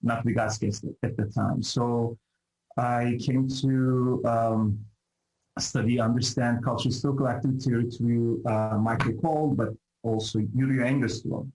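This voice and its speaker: This middle-aged man from Turkey, a professor with a Turkish accent, has a steady, slightly mellow mid-range voice and speaks at normal speed. On a roomy, rough recording he gives thoughtful interview answers, hesitating and reflecting, with frequent fillers and restarts.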